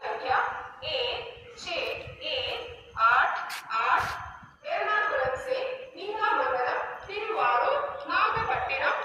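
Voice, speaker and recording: A woman making a formal railway station announcement over a loudspeaker, reading train numbers and stops in a measured, evenly spaced way. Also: extremely high pitch, big pitch swings. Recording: distant echoey loudspeaker in a station, dull lo-fi, faint noise.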